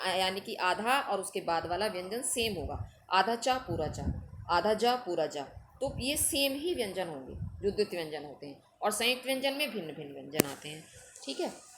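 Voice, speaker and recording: A woman teacher talks a class through a grammar lesson, patient and methodical. She explains each point step by step and checks in with the students often. A faint background noise sits under her mid-pitched voice. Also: a bit bright. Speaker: school Hindi teacher.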